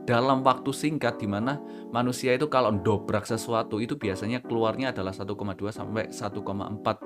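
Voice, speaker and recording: Chatty low-voiced man explaining over guitar music. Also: steady tone, fairly quick. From Indonesia. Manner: chatty, often addresses viewers as friends. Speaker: VTuber host of an educational reaction stream. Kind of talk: casual commentary and explaining to viewers.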